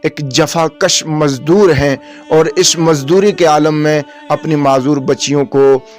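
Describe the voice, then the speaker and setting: Male reporter, solemn and formal appeal, a touch high-pitched, soft music behind. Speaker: reporter host. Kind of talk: field report narration.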